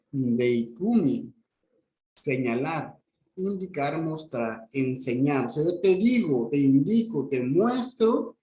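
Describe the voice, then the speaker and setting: A man's voice: on the high side, darkish tone, reverberant. A man, lecturing a class and checking in with "¿ok?" as he explains step by step. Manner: explanatory, frequent "¿ok?" check-ins and restarts. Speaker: teacher.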